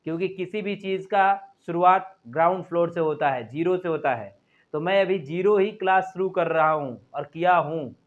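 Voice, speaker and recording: An earnest male teacher explaining grammar to his viewers, who repeats his points and spells words out letter by letter as he writes on the board. His voice sits high for a man. The recording is dull and lo-fi. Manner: earnest, repetitive, addresses viewers as "my friend". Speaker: English teacher. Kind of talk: Hindi-language grammar lesson at a board.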